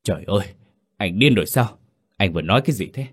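A man's voice: lowish voice, animated, fast talker, breathy edge. A man doing a frantic young mother. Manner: frantic, shouting accusations. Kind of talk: horror story reading.

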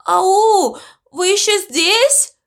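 A woman's voice: extremely high pitch, expressive, measured pace, fairly bright tone, voice pushed up, heavily acted. A woman voicing a timid little male guinea pig in a storybook reading, pleading in a shaky voice.

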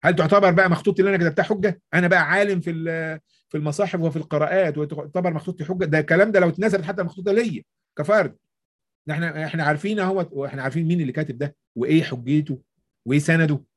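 Brisk Egyptian man with a high voice. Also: steady tone. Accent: Egyptian Arabic. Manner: answers own rhetorical questions. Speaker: discussion host. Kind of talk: explanatory debate talk.

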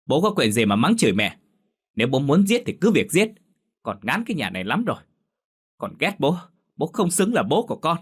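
Brief: fierce stubborn teenage daughter, acted by a man in a spoken story, shouting accusations. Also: a little high, sing-song, fairly quick, slightly rough, pitched above the performer's own voice. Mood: defiant. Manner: raised, accusing outbursts.

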